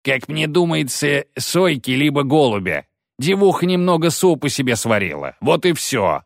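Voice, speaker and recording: A man's voice: a little high, big pitch swings, normal speed, creaky, dry recording, studio quality, voice pushed up. A man voicing a dwarf who speaks in a cool, mocking way. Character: dry, sardonic male dwarf.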